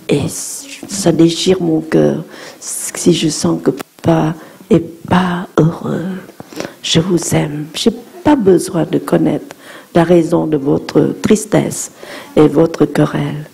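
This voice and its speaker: Slow gravelly woman teaching children. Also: sits low. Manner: slow, gentle, guides breathing exercises. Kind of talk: interpreted dharma talk to children.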